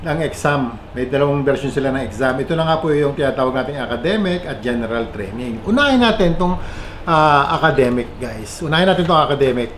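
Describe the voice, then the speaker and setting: A Filipino man with a Filipino accent vlogging in a chatty explainer style, mixing English and Filipino and giving shoutouts to viewers, his voice rising and falling in pitch and loudness. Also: lively intonation, quick pace. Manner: pitch and loudness swing up and down a lot. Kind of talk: casual vlog explainer. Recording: echoey room with faint background noise.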